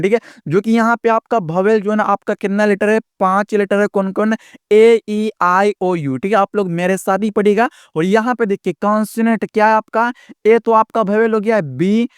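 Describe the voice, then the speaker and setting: A man runs a casual beginner lesson, his voice high and smooth. He speaks close to the mic in a dry space. He drags out his explanations and circles back with fillers. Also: no echo. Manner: repetitive, drawn-out classroom explaining with many fillers. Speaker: English teacher.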